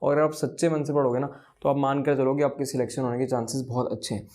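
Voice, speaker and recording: A man's voice: mid-range voice, fairly even intonation, fast talker, a little mellow. A young man giving exam preparation advice as a tutor, earnest and repeating his promises.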